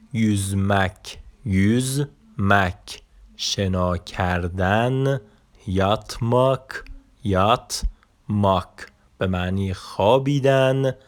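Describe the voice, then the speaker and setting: Deep-voiced man teaching vocabulary slowly. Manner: slow deliberate repetition of each word, then quick asides. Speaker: Turkish language teacher. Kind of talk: vocabulary lesson, reading words aloud.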